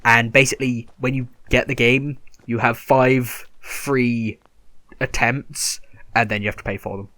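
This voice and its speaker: A man at a mid-level pitch hosts a laid-back gaming podcast. He rambles through news with lots of restarts and keeps an upbeat tone. The sound is dry and close, with no room echo. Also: level tone, a little slow, sharp tone. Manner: rambling, self-correcting, upbeat news rundown. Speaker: podcast host. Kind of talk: casual gaming podcast chat.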